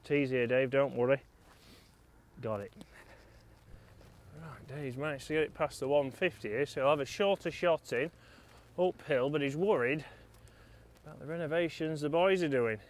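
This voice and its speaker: A man's voice: on the high side, normal speed, pauses often. A man with a Yorkshire accent hosting a golf video, giving teasing, chatty play-by-play while out on the course. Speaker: golf vlogger and host. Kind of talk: casual on-course commentary.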